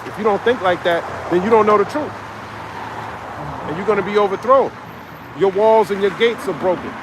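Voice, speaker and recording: A high-voiced male street preacher reads scripture aloud on a live stream and expounds on it in a confrontational, profane way, with a noisy background behind him.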